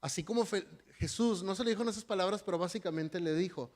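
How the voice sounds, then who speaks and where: A man preaching a conversational sermon as pastor, animated and joking, talking straight to the congregation. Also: high voice, quick pace.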